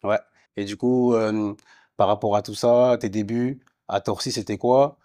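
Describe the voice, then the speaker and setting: Hosting a casual sports podcast interview, the ex-footballer from France sounds hesitant, full of fillers and restarts. His mellow voice is on the low side, steady in tone, and measured in pace.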